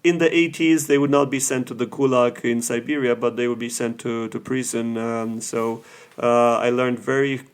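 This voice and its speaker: Speaking at a measured pace with many pauses, a Romanian man who is a guest professor answers questions in an informal interview. His medium-pitched voice is smooth, and his intonation stays fairly even.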